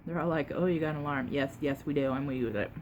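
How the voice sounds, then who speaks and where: A woman tells a casual, unhurried story while eating, pausing to chew and sometimes talking with her mouth full, with emphatic retelling. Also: low-pitched, a little hiss or hum. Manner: unhurried, conversational, emphatic retelling with quoted exchanges. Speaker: mukbang vlogger.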